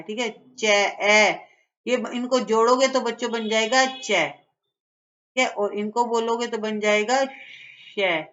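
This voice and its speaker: A woman's voice: medium pitch, fairly bright tone, muffled recording. A woman teaching a children's lesson, patiently explaining each step.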